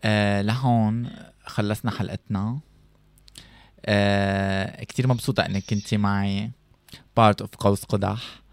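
A man's voice: lowish voice, level tone, unhurried, creaky, long pauses. A man with a Levantine Arabic accent hosting a casual chat in a playful, teasing manner. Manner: playful, teasing, often swearing oaths. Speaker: show host.

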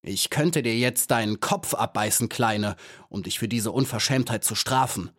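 A cruel hornet robber, as a man plays him in a storybook audiobook. He sneers with false sweetness and turns grim. His pitch jumps up and down as he mocks. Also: sing-song, a little slow, dry recording, studio quality. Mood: mocking. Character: menacing hornet soldier, mockingly friendly. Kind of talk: audiobook character voice.

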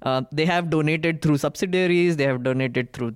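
Indian-accented panellist, middle pitch, informal and conversational, frequently seeking agreement. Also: normal speed, clean tone. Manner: informal, often checks with "right?". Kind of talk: conversational political panel discussion.

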